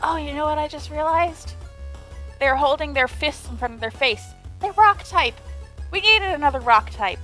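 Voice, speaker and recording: Excitable woman rambling through a let's play, bright voice, faint game music under it. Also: sits high, normal speed. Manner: chatty, excitable, rambling asides. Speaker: let's player. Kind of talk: let's play commentary and reading aloud.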